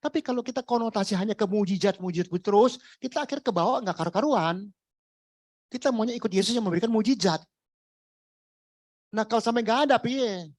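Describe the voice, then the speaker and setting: A man's voice: high-pitched, fairly quick, pauses often, darkish tone, dry recording. A man preaching a sermon in a conversational, jokey way, full of rhetorical questions. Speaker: pastor. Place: church.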